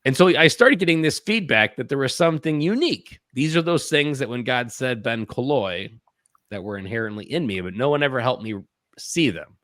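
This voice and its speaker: A podcast guest in his thirties, with a mid-range, slightly bright voice, tells personal stories earnestly and a bit fast, full of animation. He voices his inner thoughts as quotes in this reflective interview, recorded in clean studio quality without echo.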